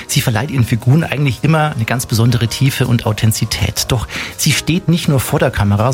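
Brisk enthusiastic radio talk host. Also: male voice, medium pitch. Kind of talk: radio interview.

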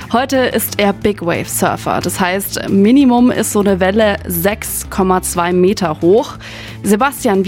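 A woman from Franconia hosts a radio interview, her voice in a middle register. She puts her questions in a friendly, casual way, with faint music playing under her. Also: mid-range voice. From Franconia, Germany. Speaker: radio host.

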